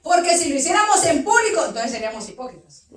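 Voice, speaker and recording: A woman's voice: high-pitched, big pitch swings, fast. A woman pastor preaching a fervent sermon, at times crying out with tears in her voice. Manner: fervent, rising to tearful cries. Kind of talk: impassioned sermon. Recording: roomy hall, distant mic.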